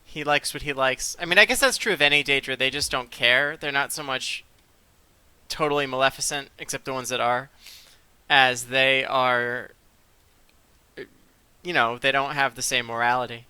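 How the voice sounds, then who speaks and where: A man's voice: mid-range voice, steady tone, normal speed, pushed and bright, smooth, no echo. A man giving casual, musing let's play commentary, as if talking to himself, close to the microphone. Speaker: gameplay commentator.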